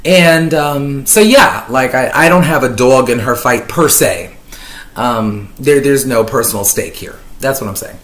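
A Lebanese YouTuber in her thirties sits on her living room sofa giving a casual commentary vlog to a webcam at desk distance, in an echoey room. Her rumbling low voice is unhurried with lively intonation, and she's wordy and chatty, dryly ironic, with plenty of fillers.

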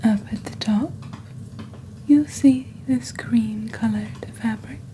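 A woman plays a mysterious witch hosting a fantasy shopping channel, calmly presenting magical wares in ASMR narration from a small, dim indoor set. Her fairly high voice is soft, breathy, dark-toned and nearly a whisper, with each hushed, theatrical phrase delivered slowly and deliberately into a close, fluffy-covered studio mic over faint ambience and slight background noise.

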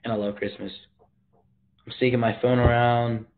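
In a mid-range voice at a moderate pace and level tone, a teen boy hosts a laid-back livestream in his bedroom. He uses slang and reads viewer comments out loud, recorded on an arm's-length phone with tinny audio.

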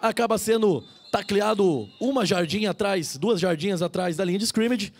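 A man's voice: high voice, moderate pace, gravelly, a little hiss or hum. A Brazilian man giving live play-by-play commentary on American football.

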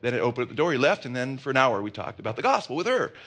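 A middle-aged pastor preaching in a loose, conversational way. He tells personal stories in an animated manner, often restarting sentences and adding quick asides. His voice sits at an ordinary male pitch. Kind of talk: conversational sermon with personal anecdotes.

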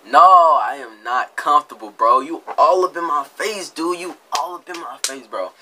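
A young American man hosts reaction videos from an indoor room with a green screen, offering casual, slangy comedic commentary that's mocking and exasperated. His voice is fairly high, pushed and bright at a moderate pace, and he often repeats himself.

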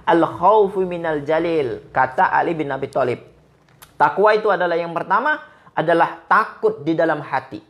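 A man from Medan giving an Islamic sermon, quoting Arabic verses and telling stories with lively, rising and falling emphasis. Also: fairly high pitch. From Medan, Indonesia. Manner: animated preaching, quotes Arabic verses and retells stories. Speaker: Islamic preacher.

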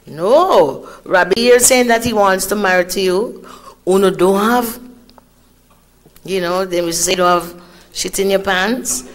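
A woman's voice: mid-range voice, wildly swooping pitch, very slow, hardly any pauses, a little mellow, slightly rough, full character voice. A woman putting on a scolding Jamaican auntie. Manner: scolding, incredulous. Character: scolding older Jamaican auntie, sharp-tongued, strict.

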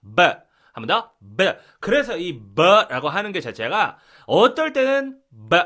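A man teaching an English pronunciation lesson, animated and repeating drill prompts. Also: high voice, a little slow. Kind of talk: lively online English lesson.

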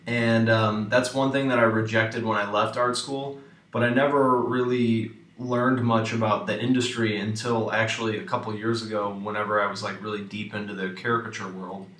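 A man's voice: on the low side, normal speed. Guy hosting a podcast, laid back and chatty, middle voice, kinda far from the mic in a roomy space. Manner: relaxed and chatty, many likes. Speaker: podcast host. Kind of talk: casual interview chat.

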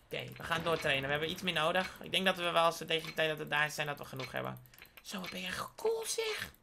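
A woman giving playful game commentary as a gaming YouTuber, excitable, with sudden high squealing outbursts. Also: rapid-fire, noisy background. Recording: clear keyboard typing and clicks.

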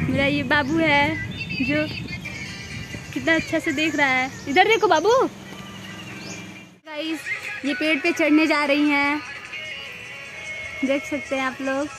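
A woman's voice: sits high, fairly even intonation, slow pace, pauses often, music in the background. A young woman vlogging outdoors in a village, chatting to viewers and coaxing shy children to speak, recorded on a handheld phone. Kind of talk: casual vlog narration. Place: outdoors in a village among trees. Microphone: phone held by the vlogger. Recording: outdoor phone audio with clear wind and birds. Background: wind, birds and animals.

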